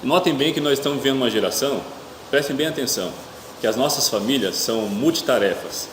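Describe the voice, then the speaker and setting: A middle-aged Brazilian man preaching a church sermon haltingly, his speech slightly hampered by a toothache, often posing rhetorical questions. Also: medium pitch. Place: indoor church hall with noisy ambience. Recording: echoey reverberant hall, clear room hum.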